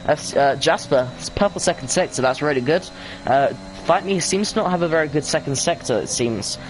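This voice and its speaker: A man's voice: fairly high pitch, lively intonation, fairly quick, a little hiss or hum. Tired man commentating sim racing. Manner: hesitant, lots of ums and self-corrections; tired and yawning. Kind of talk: casual esports race commentary.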